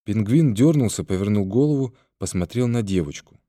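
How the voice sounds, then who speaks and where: Calm low-voiced male narrator. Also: a little fast, no room sound, studio quality. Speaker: audiobook reader. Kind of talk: scripted narration.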